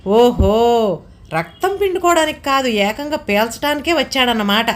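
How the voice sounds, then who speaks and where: Brief: shrill scolding older housewife, sarcastic and anxious, read by a woman storyteller. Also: moderate pace, natural voice. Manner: scolding, anxious, higher and louder than narration. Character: fussy sharp-tongued older wife, sarcastic.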